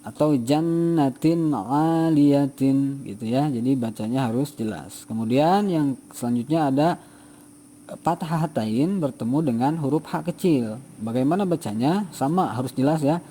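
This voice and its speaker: A male teacher giving a patient tajwid lesson to students, repeating each example slowly. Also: medium pitch, lively intonation, mellow, slight background noise.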